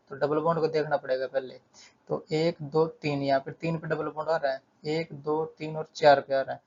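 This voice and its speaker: Male tutor, slightly high voice, patient board-side explainer, dull recording. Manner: steady, repeats terms, counts aloud. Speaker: chemistry tutor. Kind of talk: whiteboard lesson explanation.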